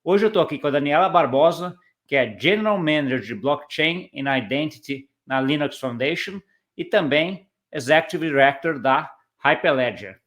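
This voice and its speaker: A man's voice: a little high, animated, normal speed, a bit bright. A man hosting an interview, chatty, with frequent tag questions and restarts. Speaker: interview host.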